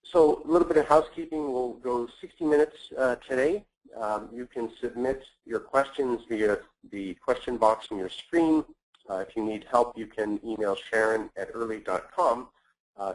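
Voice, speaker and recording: A man hosting and presenting a business webinar, speaking in a measured way with frequent filler words. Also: mid-range voice, poor audio. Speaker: webinar host.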